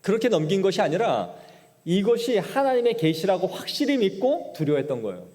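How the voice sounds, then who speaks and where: A male pastor preaches in a church sanctuary, retelling scripture with dramatic paraphrase. His voice is mellow and dark, and his pitch rises and falls a great deal. A long church-hall reverb trails behind every phrase. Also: big pitch swings, a little fast. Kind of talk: sermon.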